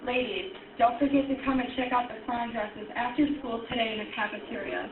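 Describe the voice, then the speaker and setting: A woman reading the daily school announcements over the intercom in a steady, businesslike way. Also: fairly high pitch, a little fast. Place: heard through a classroom loudspeaker. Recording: tinny echoey loudspeaker heard in a classroom with noise.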